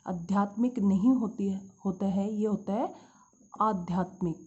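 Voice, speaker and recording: A woman's voice: medium pitch, fairly even intonation, normal speed, dark tone. A woman teaching a spelling lesson to schoolchildren, calling them "beta" and asking and answering her own questions. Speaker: Hindi teacher. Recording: dull lo-fi sound.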